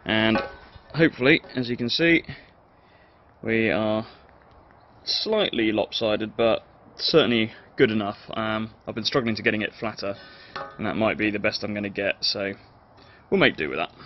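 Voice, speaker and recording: With a medium-pitched, sharp-toned voice, this Northern Irish hobby blacksmith talks through his workshop build. He pokes fun at himself and fills his narration with ums and uhs.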